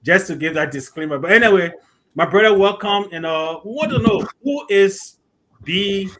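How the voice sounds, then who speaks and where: A man's voice: sits high, lively intonation, moderate pace, fairly bright tone. A man hosting an interview, addressing his guest as a brother and restarting phrases. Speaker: host.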